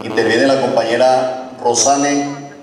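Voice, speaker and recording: A man's voice: mid-range voice, fairly even intonation, slow pace. Man announcing speakers in a noisy, echoing hall. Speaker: master of ceremonies. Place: large echoey hall, heard from far off. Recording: echoey hall, distant, clearly noisy.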